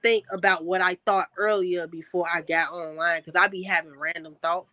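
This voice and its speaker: A woman in casual group chat, animated and teasing, laughing often. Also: fairly low pitch, normal speed, no echo, rough recording.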